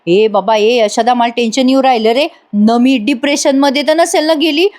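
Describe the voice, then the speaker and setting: A woman voicing a fretful, excitable young man who keeps calling out to his friend. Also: sits high, moderate pace, lightly acted.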